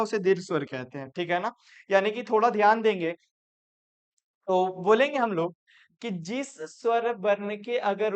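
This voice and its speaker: A man's voice: high-pitched, clean tone. A male teacher giving a classroom grammar lesson, repeating points and asking and answering his own questions. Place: classroom with students.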